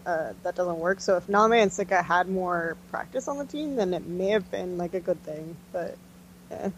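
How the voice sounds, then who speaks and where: Woman, podcast panelist, lowish voice, casual analytical talk, some ambient noise behind. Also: normal speed, rough recording.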